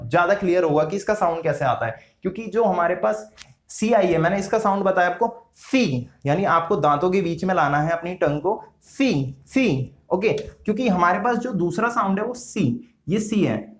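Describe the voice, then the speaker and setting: A man teaching a casual spoken lesson, slow and patient, repeating each sound several times with frequent hesitant fillers. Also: sits high. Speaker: language teacher. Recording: roomy echo.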